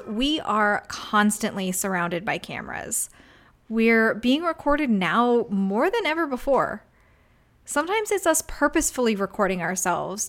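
Higher-voiced woman, true crime narrator.

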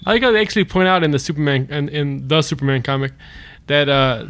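A man co-hosting a casual podcast chat, telling things in a halting, excited, giggly way. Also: a little high. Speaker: podcast co-host. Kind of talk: casual chat about comic books.

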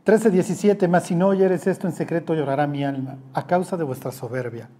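Joking teacher, mellow tone. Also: mid-range voice, a little fast. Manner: joking, teasing, quizzes the class; acts out quoted voices. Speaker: Bible study teacher. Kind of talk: interactive Bible class. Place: classroom with a group.

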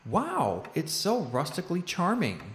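Kenneth is an overeager, dim-witted brother, voiced by a performer, whose pitch leaps all over as he gushes. He speaks slowly. His voice is echoey, with faint noise behind it. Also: wildly swooping pitch. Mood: excited. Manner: gushing, overexcited. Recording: roomy echo with faint noise.

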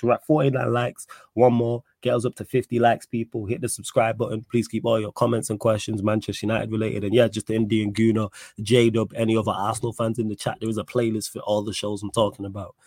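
Husky London roadman-accented man, slangy. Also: on the low side, flat delivery, a little fast, hardly any pauses, darkish tone, dry recording. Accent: London, urban slang. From United Kingdom. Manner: slangy street-style talk, repeats himself for emphasis. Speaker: host of a football fan livestream. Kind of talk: casual live sports chat.

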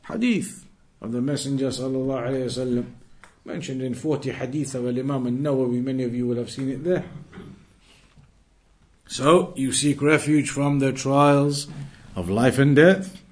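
An Islamic teacher with a medium-pitched, steady and somewhat dark voice gives a religious lesson to a live class at normal speed. He speaks earnestly, repeats key phrases, recites Arabic fluently, and quizzes his students, waiting for their answers.

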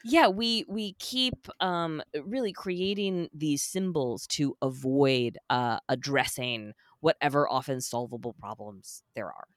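Low-voiced, animated woman guest. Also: slow pace, hardly any pauses, no echo, studio quality. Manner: animated, emphatic, keeps tagging points with "right?". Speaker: guest, sex worker rights advocate. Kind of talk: conversational podcast interview.

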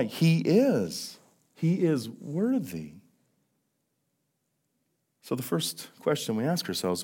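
A man preaching a sermon as pastor, swinging between loud emphasis and hushed questions, with many rhetorical questions. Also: lowish voice. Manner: repetitive rhetorical questions, frequent "right?".

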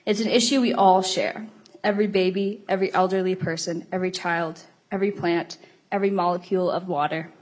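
A woman's voice: lowish voice, steady tone, a little fast, darkish tone, low-quality recording. A woman giving an emphatic public speech with rhythmic lists.

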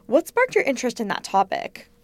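A woman's voice: a little high, huge pitch swings, fairly quick, no room sound. A woman hosting a business news podcast, introducing stories and asking questions. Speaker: podcast host.

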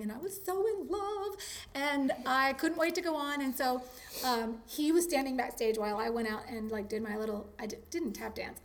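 A woman talking casually in an interview, chatty and animated, with lots of likes and ums. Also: on the high side. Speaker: interviewee, teacher.

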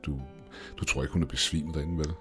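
A jittery young man , voiced by a male storyteller, frets in a very deep, low voice. He sounds uneasy and a bit whiny. Soft music plays faintly beneath the reading. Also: steady tone. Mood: nervous.

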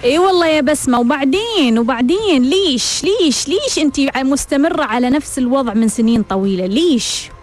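High-voiced woman radio host. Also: expressive, fairly quick, soft background music. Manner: rhetorical, repeats questions for emphasis. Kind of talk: radio self-help talk.

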